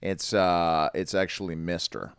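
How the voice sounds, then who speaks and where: A man co-hosting a comedy podcast in casual banter, making deadpan, drawling asides with crude humor. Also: deep voice, measured pace, creaky, clean tone, no room sound, clean studio sound. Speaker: podcast co-host.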